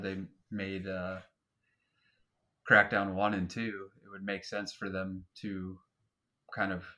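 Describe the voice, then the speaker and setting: A man's voice: sits low, sharp tone. A man co-hosting a casual gaming podcast, laid-back and loose, swearing casually and using lots of fillers. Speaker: podcast co-host. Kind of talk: casual chat.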